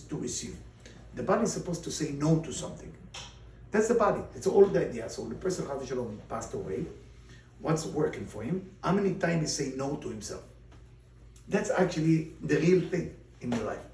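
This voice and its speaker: Animated rabbi in a roomy hall. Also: male voice, mid-range voice. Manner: animated, non-native English grammar, mixes in Hebrew terms. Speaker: rabbi teaching a class. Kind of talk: Torah and Kabbalah lesson. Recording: roomy, distant mic, faint background noise.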